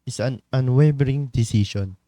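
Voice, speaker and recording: A man with a Filipino accent leads a morning church devotion, speaking at a middle pitch in a loose, chatty way. He often stops to ask the listeners questions and teases them. The sound is dry and close, with little room echo. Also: moderate pace, warm tone. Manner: conversational, teasing the congregation, many tag questions. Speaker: devotion leader.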